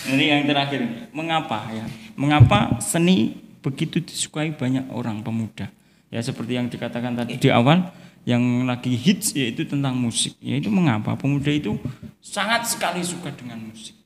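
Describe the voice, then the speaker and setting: A man's voice: medium pitch, moderate pace. A man hosting a casual religious podcast, asking questions and often laughing along. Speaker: podcast host. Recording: echoey room with long reverb, faint noise.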